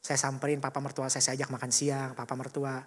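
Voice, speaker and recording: Animated man telling his testimony. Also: medium pitch, fast. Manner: animated emotional storytelling, acting out quotes, colloquial. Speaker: church speaker giving a testimony. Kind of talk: personal testimony in a sermon. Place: church hall. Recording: reverberant church hall.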